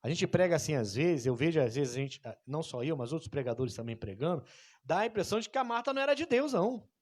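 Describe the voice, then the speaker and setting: A male pastor preaching a sermon in an animated way, acting out scenes and calling for amens from the congregation. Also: fairly high pitch, fast.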